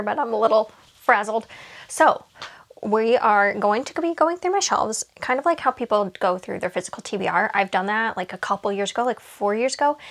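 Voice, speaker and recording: A young woman talks casually through her bookshelves at home, rambling with asides and fillers. She sounds a little out of breath at times, as in a relaxed home vlog. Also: medium pitch. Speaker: booktuber.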